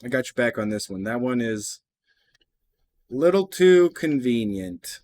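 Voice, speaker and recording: A man's voice: medium pitch, sing-song, unhurried, a little mellow, no echo. Casual swearing male reaction host. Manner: chatty, swears casually, skeptical asides.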